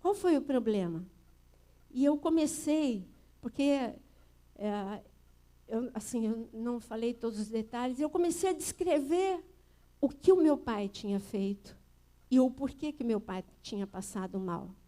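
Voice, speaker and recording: A Brazilian woman pastor gives a sermon at a church service, telling a personal story earnestly until it builds to forceful emphasis. Her voice is a little high and unhurried.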